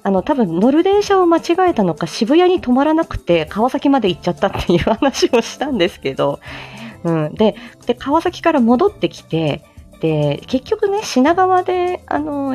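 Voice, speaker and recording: A woman from Japan, living outside Tokyo, chats casually on a morning livestream in a fairly high voice with a darkish tone. She hosts the stream, performs amateur voice drama, and comes across as polite, giggly, and talkative.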